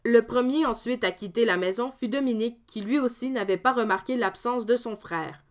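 A woman reading a folk tale aloud as a storyteller, measured and expressive. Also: a little high.

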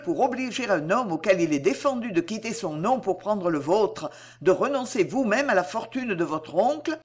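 A woman reading the part of a proud, passionate young gentleman suitor in a storybook, with formal, agitated declamation. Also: medium pitch, lightly acted. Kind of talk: audiobook character reading.

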